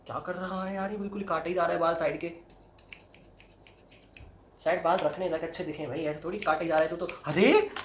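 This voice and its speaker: A man's voice: on the high side, fairly even intonation, fairly quick, pauses often, a little hiss or hum. A young man chatting casually to camera while he cuts his own hair at home, mixing Hindi with English and breaking into dramatic yelps and laughs. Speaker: vlogger. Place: indoors at home, roomy. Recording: echoey home room.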